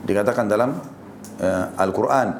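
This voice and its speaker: A man's voice: fairly low pitch, normal speed, a little hiss or hum. A man giving an Islamic lecture on family life, emphatic, repeating key phrases and asking the audience rhetorical questions. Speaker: Islamic preacher.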